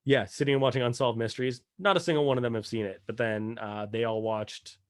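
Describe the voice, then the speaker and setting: Canadian guy, 30s, musician guest; rambling, loose, sweary, mid pitch, dry close sound. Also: steady tone, fast, dry recording. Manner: rambling, laid-back, swears freely. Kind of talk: casual chat.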